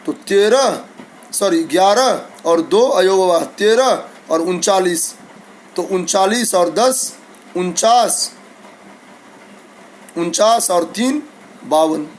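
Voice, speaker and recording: A man's voice: sits high, animated, slow, long pauses, a little hiss or hum, poor audio. A man teaching a lesson to school students, patiently reciting letters one by one and speaking to his pupils kindly. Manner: addresses pupils warmly, sends blessings.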